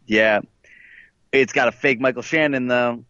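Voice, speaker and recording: A man chats casually over an internet call that cuts out now and then, talking loosely with many fillers. His medium-pitched voice is steady, unhurried, bright, forceful, clear and resonant, though the call-line audio is dull and dry with no room sound.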